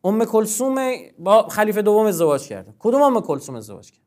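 Brief: man with a high speaking voice, formal and insistent guest scholar. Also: big pitch swings, a little mellow. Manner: formal, emphatic, lecturing, with many repetitions. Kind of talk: religious studies discussion.

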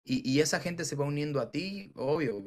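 A man in casual interview talk, animated, swearing casually and acting out the dialogue he quotes. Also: on the high side, normal speed. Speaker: entrepreneur guest.

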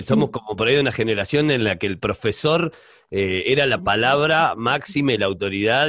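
A man's voice: lowish voice, fairly bright tone, no echo, clean studio sound. A man with a Rioplatense Spanish accent interviewing a guest, reacting with enthusiasm and casual slang. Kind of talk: conversational interview.

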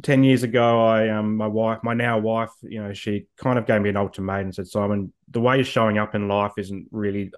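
Telling a personal story as an interview guest, this reflective Australian man in his forties peppers his speech with ums and repeated words. He speaks a little fast and smoothly, hardly pausing, in a lowish voice with a steady tone.

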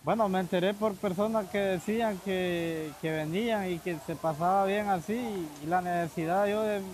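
A young Honduran man in his twenties with a fairly high voice answers questions haltingly, often repeating himself. A faint hum of background noise sits under his voice. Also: steady tone, a little mellow, rough recording. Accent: Honduran Spanish. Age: 20s. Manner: hesitant, repeats words, many fillers. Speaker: interview guest, migrant father.

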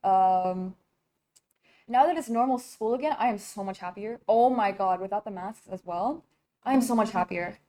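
A woman's voice: medium pitch, normal speed, mellow. A teenage girl and student chatting casually, talking with lots of fillers and giggling often. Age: teens. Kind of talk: casual chat.

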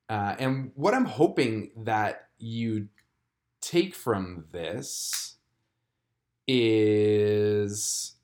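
A Croatian-born podcast host in his thirties speaks candidly on his solo show, reflecting on a personal struggle. His voice sits on the low side, and his delivery is halting, with many fillers and restarts.

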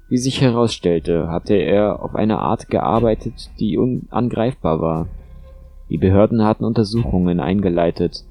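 A man narrating a thriller audiobook in a steady, measured way. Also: deep voice.

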